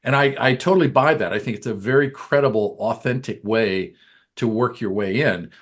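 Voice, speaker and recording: Measured man explaining on a podcast. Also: mid-range voice. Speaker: podcast co-host, business coach. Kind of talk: casual podcast chat.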